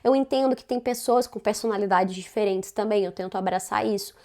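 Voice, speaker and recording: Speaking fairly quickly in a mid-range, darkish voice, this Brazilian Portuguese-accented woman offers casual self-development advice. Her manner is conversational, and she frequently ends sentences with tag questions.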